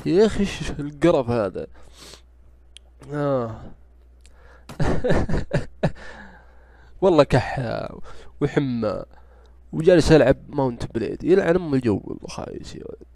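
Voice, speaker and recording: A man's voice: medium pitch, lively intonation, brisk, creaky, mellow, no echo. A man with a Saudi accent and a stuffy nose from a cold, rambling and grumbling through casual gameplay commentary as a gaming YouTuber. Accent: Saudi Gulf Arabic. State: congested, stuffy-nosed from a cold.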